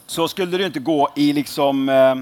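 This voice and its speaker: A man's voice: a little high, darkish tone. A young man preaching a casual, joking sermon, informal and rambling with fillers. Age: young adult.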